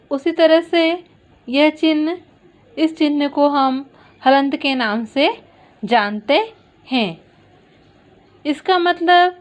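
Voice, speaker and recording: A woman teaching a recorded lesson to schoolchildren, explaining patiently step by step. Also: sits high. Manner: slow, patient explaining to children.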